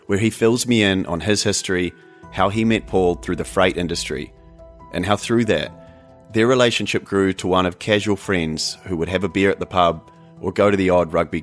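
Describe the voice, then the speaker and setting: Low-voiced man narrating an investigative podcast. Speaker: podcast host and interviewer. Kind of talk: scripted narration and interview questions.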